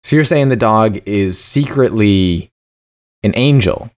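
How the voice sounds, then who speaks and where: A man's voice: lowish voice, slow pace. A man co-hosting a casual comedy podcast, playful and mock-serious, reading food news and stumbling over tongue twisters. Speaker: podcast co-host.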